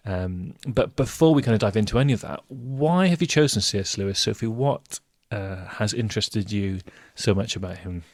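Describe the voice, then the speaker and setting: A man's voice: lowish voice, normal speed, hardly any pauses, darkish tone. A man hosting a podcast, interviewing in an upbeat, conversational style. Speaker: podcast host.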